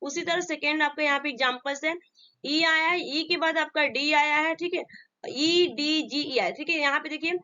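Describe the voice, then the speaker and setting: A woman teaches an English spelling lesson in a high, bright voice. She keeps asking questions and answering them herself, in a steady drilling way. The recording sounds dull and lo-fi. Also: moderate pace. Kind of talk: classroom lesson.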